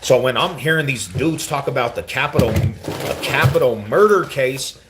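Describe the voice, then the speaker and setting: A man's voice: medium pitch, animated, moderate pace, heavy background noise. A man in his forties telling his story on a casual live stream, slangy and repeating himself, calling the listener bro. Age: 40s.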